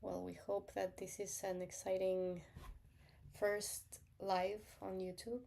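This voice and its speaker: A woman's voice: medium pitch, level tone, takes it slowly, gravelly, warm tone. A woman hosting a casual livestream, welcoming viewers and talking hesitantly with many fillers. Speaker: livestream host.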